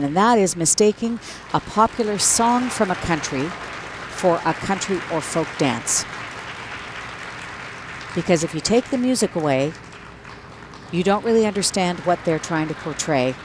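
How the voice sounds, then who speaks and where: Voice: mid-range voice, noisy background. A figure skating commentator who calls out elements and gives a plain, analytical critique of the performance. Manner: analytical and matter-of-fact, naming elements and critiquing choices. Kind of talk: sports commentary.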